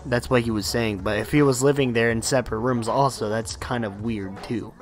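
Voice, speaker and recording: A young man around twenty talks bluntly on a casual podcast, piling up thoughts in long run-on bursts. His pitch sits in a middle range. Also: fairly even intonation, a little fast, soft background music. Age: young adult. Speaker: podcast co-host.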